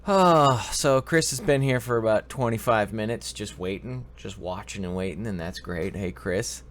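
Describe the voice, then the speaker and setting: A man with a stuffy cold hosts a casual livestream advice show, rambling, joking, and greeting chat viewers by name. His voice is lowish at a normal speed, with a little hiss or hum.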